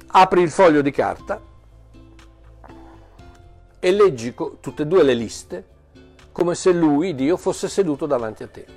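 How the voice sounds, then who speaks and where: A man preaching a sermon in an animated way, often repeating and restarting words, with jokey asides. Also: mid-range voice.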